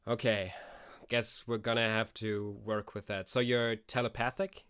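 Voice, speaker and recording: A man's voice: on the low side, flat delivery, unhurried, fairly bright tone, clear, resonant tone. A man voicing a weary female government agent in a suit in a tabletop role-play, patient but exasperated and tripping over his words.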